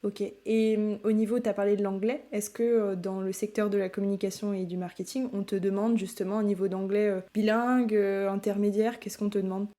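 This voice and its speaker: Woman, podcast host, warm mellow tone, easygoing questions. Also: medium pitch, brisk, hardly any pauses. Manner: relaxed, conversational questions. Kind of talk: casual interview.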